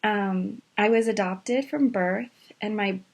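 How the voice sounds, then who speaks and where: A woman in her twenties from Maine, telling her own story in a casual, animated way, with many fillers and quick rushes of words. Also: medium pitch. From Maine, USA. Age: 20s.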